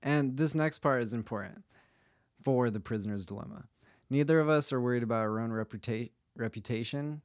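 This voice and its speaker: A relaxed young man hosting a podcast and talking through an idea with a buddy, loose and jokey and full of asides. His voice sits at a middle pitch and sounds dry and close to the mic, with hardly any room around it. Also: dry recording. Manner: laid-back, joking, quick asides. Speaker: podcast host. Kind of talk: casual explainer chat.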